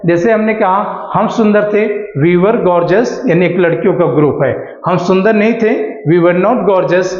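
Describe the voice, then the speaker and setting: A man with a high voice teaches a beginners' spoken English class. He asks himself questions, answers them, and stretches out each English example slowly. The sound is dull and carries a long echo. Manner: slow, drawn-out English examples, asking and answering his own questions.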